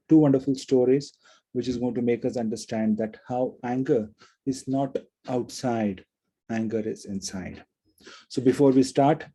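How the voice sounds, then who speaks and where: A man's voice: medium pitch, warm tone, slightly rough, poor audio. A man giving an earnest spiritual talk and telling a moral story, repeating words for emphasis. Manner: earnest, repetitive emphasis, frequent restarts. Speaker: spiritual speaker.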